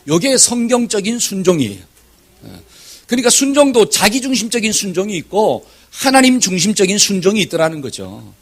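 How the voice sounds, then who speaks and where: A man preaches a Sunday sermon in a high, lively voice that swoops across a wide range. His tone is slightly husky and breathy. He keeps asking his congregation questions and breaks into shouted examples. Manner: asks the congregation questions and leads scripture reading. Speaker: pastor. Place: church sanctuary.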